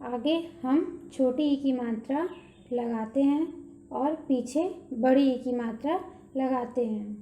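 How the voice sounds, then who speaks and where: A woman's voice: sits high, slow pace, dark tone, echoey room. A woman teaching a Hindi lesson to young children, patiently spelling out syllables and drawing out each word.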